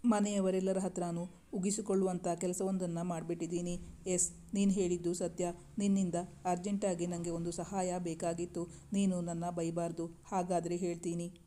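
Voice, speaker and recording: A woman's voice: lowish voice, level tone, normal speed, warm tone, a little hiss or hum, lightly acted. A woman voicing an anxious young woman. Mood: pleading. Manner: hesitant, pleading. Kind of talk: storybook dialogue reading.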